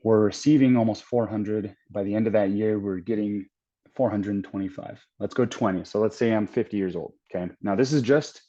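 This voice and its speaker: Fairly low-pitched and warm, speaking a little fast, this trading channel host in his thirties talks casually while sharing his screen. He thinks aloud as he calculates the numbers, rambling and restarting, in a dull lo-fi recording.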